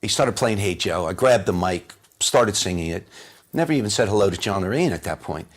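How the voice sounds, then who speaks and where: A man recounting his audition in an interview, brisk and punchy. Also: low voice, expressive. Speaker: singer interviewee. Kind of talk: interview recollection.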